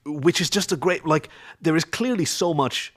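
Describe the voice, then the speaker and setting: A man's voice: fairly high pitch, normal speed, a bit bright, soft background music. A man co-hosting a podcast, chatting casually through a recap with wry, wordy asides. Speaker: podcast co-host. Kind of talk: casual chat recapping a show.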